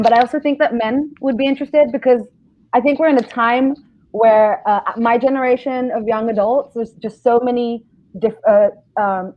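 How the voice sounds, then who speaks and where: Eager woman in her thirties. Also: fairly high pitch. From Israel, raised in London. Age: 30s. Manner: eager, talkative, lively storytelling. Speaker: author pitching a memoir. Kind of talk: prepared pitch on a video call. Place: home room, seated in a chair. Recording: dull lo-fi video call audio.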